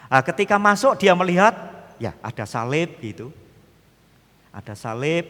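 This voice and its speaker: A man's voice: fairly high pitch, fairly bright tone. A male preacher gives a sermon, telling stories and often addressing the congregation directly. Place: church hall. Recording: echoey church hall.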